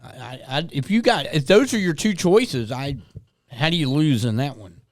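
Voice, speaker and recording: A man's voice: on the high side, animated, normal speed, no echo, studio quality. A man co-hosting a casual sports talk show, often restarting his sentences with repeated "I".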